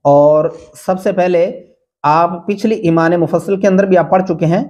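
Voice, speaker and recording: A man whose voice sits high, with a darkish tone and fairly even intonation, teaches how to read the Quran. Slowly and patiently he drills the letters and vowel marks, then chants each phrase in a drawn-out way.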